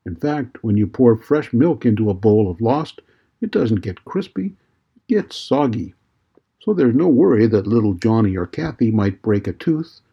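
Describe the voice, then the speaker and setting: A man playing a 1950s radio commercial announcer in an old-time radio style, with a loud, hearty sales delivery. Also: mid-range voice, husky, muffled recording.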